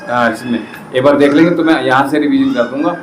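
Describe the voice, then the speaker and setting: A man's voice: medium pitch, noisy background. A man leading a group yoga class at an ashram as its teacher, giving instructions in a coaxing, instructive way. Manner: instructive, coaxing, chants mantras slowly. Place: ashram hall.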